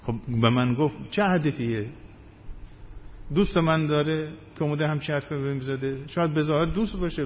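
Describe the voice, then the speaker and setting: A man giving a measured sermon, his emphasis rising and falling. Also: mid-range voice, slight background noise. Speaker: cleric. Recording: dull lo-fi recording with faint ambience.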